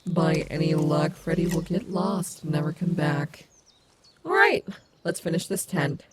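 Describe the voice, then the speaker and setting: A woman's voice: low-pitched, steady tone, measured pace, slight background noise. A woman voicing a sassy, easily annoyed animatronic wolf rockstar in an audio roleplay, with a sarcastic, exasperated, dramatic manner. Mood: grudging, wry.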